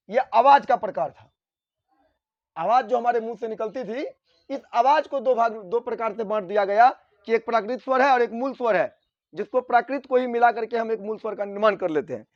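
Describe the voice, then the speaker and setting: A man with a very high voice teaches Hindi grammar as a classroom lecture. He repeats his points, keeps asking his students whether they follow, and draws out vowel sounds to show how long they last. The sound is dry and close, with a dull, lo-fi tone. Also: no echo. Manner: repeats points and quizzes students with rhetorical questions; sounds out vowels slowly to show their length.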